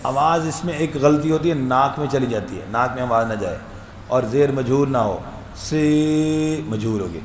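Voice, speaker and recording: A man, teaching Quran recitation and explaining letter sounds. He talks conversationally, tells humorous anecdotes, and sings out long drawn-out demonstrations of each letter. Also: mid-range voice. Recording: echoey room with faint background hum.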